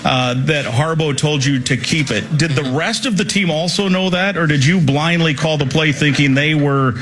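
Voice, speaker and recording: A man's voice: on the high side, normal speed, a bit bright. A man hosting a sports show, asking wordy questions in a casual interview. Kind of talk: casual interview before an audience.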